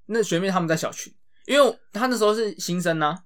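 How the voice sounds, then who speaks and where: A man in his twenties telling an animated story in a casual podcast chat, swearing when he gets worked up. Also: high-pitched, quick pace, clear, resonant tone. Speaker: podcast co-host.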